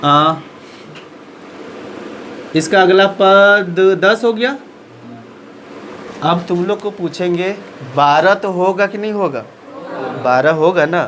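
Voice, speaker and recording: A man's voice: high voice, slow pace, long pauses, fairly bright tone, slight background noise, rough recording. A man teaching a maths lesson in speech, asking questions and answering them himself.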